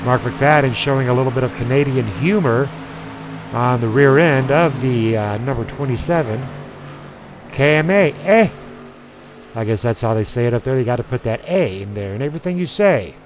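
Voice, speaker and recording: A man's voice: mid-range voice, fairly quick, slight background noise, rough recording. A man doing folksy, chatty play-by-play commentary for an online sim truck race, with asides between the calls. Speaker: sim racing announcer.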